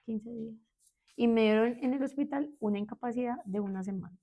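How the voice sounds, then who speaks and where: A therapist in her thirties with a Medellín Colombian accent tells her own story as an interview guest, candid but hesitant and often starting over. Her voice is fairly high, gravelly and dark in tone, and she speaks a little fast.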